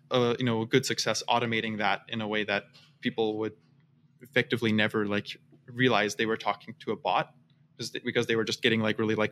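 A man's voice: fairly low pitch, a bit bright, slight background noise. A man in his thirties, from Austria and raised in the US, talking as a guest on a casual podcast interview, rambling with many restarts. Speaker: guest, startup founder.

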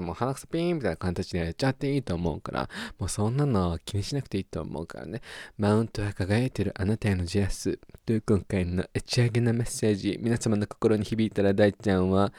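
A man's voice: on the low side, dry recording, studio quality. A young man from Japan hosting a podcast, chatting casually and playfully with silly sound words. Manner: playful, animated, with goofy sound words and wordplay. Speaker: podcast host. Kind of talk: casual solo podcast talk.

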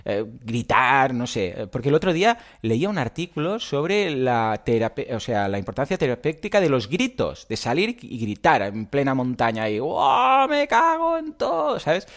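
Lively, animated host. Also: male voice, mid-range voice, moderate pace, hardly any pauses. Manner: animated, jumps into loud playful outbursts. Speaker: podcast host. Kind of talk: live podcast chat.

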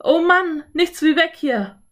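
A woman voicing a sensible boy, the older brother, speaking firmly and a little louder. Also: mid-range voice, normal speed, natural voice. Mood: alarmed. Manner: firm, matter-of-fact, a bit louder.

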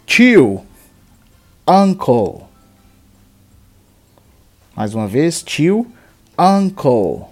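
A man with a Brazilian Portuguese accent teaching English vocabulary, slowly repeating each word for the learner to echo. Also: on the high side, big pitch swings. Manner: slow, deliberate drilling of words and phrases. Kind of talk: language lesson with repeat-after-me drills.

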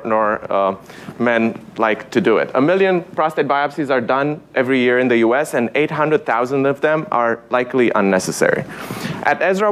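Man giving a pitch. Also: a little hiss or hum. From Romania. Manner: conversational, with fillers and dry asides. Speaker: startup founder. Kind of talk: pitch talk on stage.

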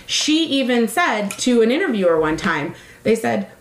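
A woman's voice: a little high, very animated, moderate pace, echoey room, a little hiss or hum, poor audio. A woman talking casually, rambling with many fillers and correcting herself as she goes. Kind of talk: casual chat.

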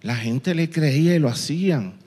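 A man preaches in a slightly high voice. He tells his story with animated sound effects and acts out the voices he quotes. Long reverb trails behind him in a big hall. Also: moderate pace, husky. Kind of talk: sermon.

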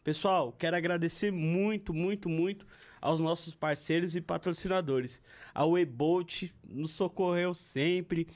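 High-voiced man hosting a podcast. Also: measured pace, darkish tone. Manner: chatty, reads sponsor plug. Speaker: podcast host. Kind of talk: casual chat and sponsor read.

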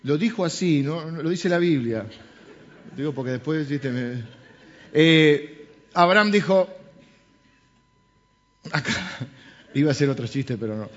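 A man's voice: fairly high pitch, lively intonation, unhurried, long pauses. A man with a Rioplatense Spanish accent preaching a sermon as a pastor, joking and conversational, full of rhetorical questions. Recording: slightly dull lo-fi sound.

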